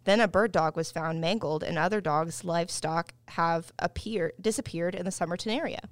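Woman, podcast co-host, smooth resonant voice, dry close sound, rambling chat. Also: lowish voice, no echo. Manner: rambling, halting with restarts. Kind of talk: casual podcast chat and reading aloud.

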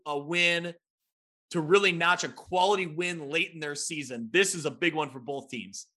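A bright, high-pitched man hosts a casual sports talk show. He talks in an upbeat way, recaps scores and stats, and pokes fun at himself. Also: moderate pace. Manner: upbeat, self-deprecating, recaps game stats.

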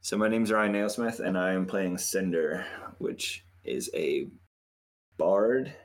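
A man's voice: low voice, slow pace. A man introducing his tabletop character, easygoing. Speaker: player. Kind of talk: casual tabletop chat.

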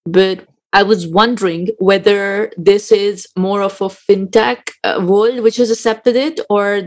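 Curious woman interviewer, mid-pitched. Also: fairly even intonation, measured pace. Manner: curious, enthusiastic. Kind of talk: conversational interview questions.

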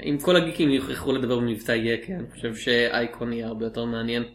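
A man's voice: medium pitch, fairly even intonation, echoey room. A man co-hosting a podcast, chatting casually about films with wry, playful banter. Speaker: podcast co-host.

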